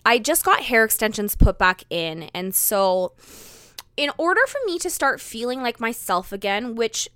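A young woman hosts her own podcast alone, talking candidly in a chatty stream full of "like" fillers and quick bursts. Her voice is bright and crisp, and it is recorded dry on a close microphone. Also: on the high side, animated, no room sound. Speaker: podcast host. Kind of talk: candid solo podcast monologue.

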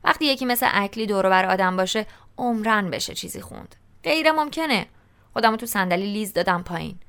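A woman's voice: mid-range voice, lively intonation, a bit bright, clear, resonant tone. A woman narrating a novel in the first person, in a colloquial, conversational storytelling style. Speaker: audiobook narrator.

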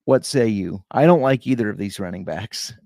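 A man's voice: on the low side, normal speed, vocal fry, darkish tone, no echo, studio quality. A man co-hosting a casual fantasy football podcast, easygoing and often correcting himself as he reads listener questions. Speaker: podcast co-host.

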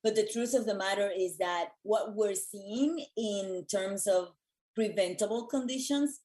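Speaking unhurriedly in a medium-pitched voice, the Puerto Rican wellness educator shares things as an interview guest. Her delivery is earnest, expressive, and conversational.

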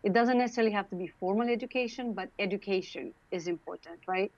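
A woman's voice: mid-range voice, fast talker, dry recording, lo-fi sound. A middle-aged woman with a Romanian accent telling her own story conversationally as an interview guest, earnest and emphatic, repeating phrases for stress. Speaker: interview guest, founder and CEO.

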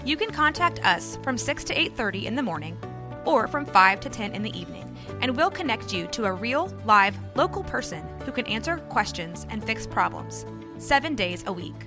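A woman reads a friendly bank advertisement, her voice animated and full of movement. Music plays clearly underneath the read. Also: fairly high pitch, normal speed. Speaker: ad announcer. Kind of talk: scripted ad read.

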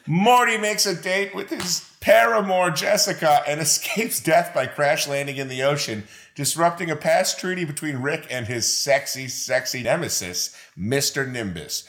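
A man's voice: on the high side, moderate pace, hardly any pauses, a bit bright. A man co-hosting a recap show, playful and laughing through his talk. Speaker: co-host. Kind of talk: casual recap chat.

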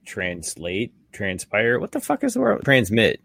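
A man's voice: on the low side, huge pitch swings, measured pace, vocal fry, a bit bright, slight background noise. A man joining a casual podcast chat, wisecracking and swearing. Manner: wisecracking, profane.

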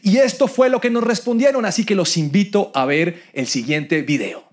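Guy talking to viewers about marriage, pretty high voice for a man, earnest, loves repeating himself to make a point. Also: moderate pace, a little hiss or hum. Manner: earnest, storytelling, builds with repetition. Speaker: church speaker on marriage. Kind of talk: speaking to viewers.

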